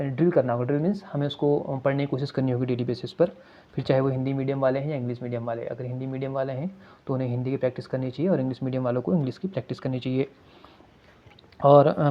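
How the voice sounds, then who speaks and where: Hindi-speaking man teaching in a flat voice. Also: mid-range voice. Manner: addresses viewers as friends, mixes English terms into Hindi; many hesitation fillers. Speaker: exam prep teacher. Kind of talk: explaining exam reading strategies. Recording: dull lo-fi recording.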